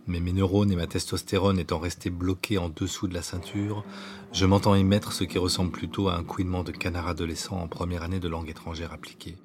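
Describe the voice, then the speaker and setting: A man reading his own autobiographical story as scripted narration, in an intimate, hushed way that at times drops to a whisper. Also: sits low, background noise. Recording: narration over clear background music.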